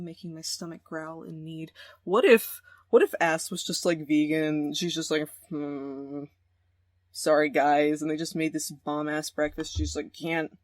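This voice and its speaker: A young woman hosting a game let's play, reading the story aloud and breaking off to joke in slang. Her voice sits a little low. The sound is dry and close. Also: no room sound. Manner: slangy, joking.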